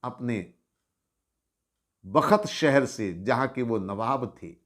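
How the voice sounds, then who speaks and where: A man telling a moral story in a religious discourse, slow and expressive with dramatic rises. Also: medium pitch. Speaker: spiritual storyteller.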